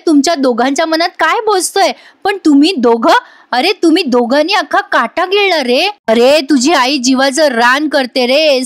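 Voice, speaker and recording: A woman's voice: high-pitched, no room sound, studio quality, close to an everyday voice. A woman voicing a grieving, reproachful old uncle. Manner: emotional, repeated reproachful questions.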